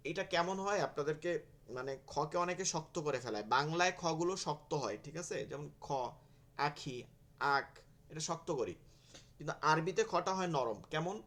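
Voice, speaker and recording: A man teaching Arabic letter sounds in an online class, slowly repeating each sound for his students. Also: a little high, expressive, fairly bright tone. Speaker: Quran teacher. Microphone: video call.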